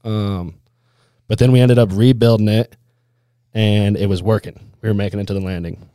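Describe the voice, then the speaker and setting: A man's voice: on the low side, steady tone, normal speed, dark tone, clear, resonant tone, dry recording, clean studio sound. A man telling stories in a casual, laid-back way as an interview guest, full of snowboarder slang, with "like" and "dude" all through. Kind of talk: casual chat, storytelling.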